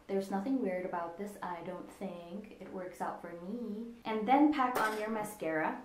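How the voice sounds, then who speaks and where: Relaxed woman vlogger in an echoey room. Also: medium pitch, moderate pace, slight background noise. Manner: relaxed, meandering, frequent ums. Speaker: makeup vlogger. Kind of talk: casual makeup tutorial.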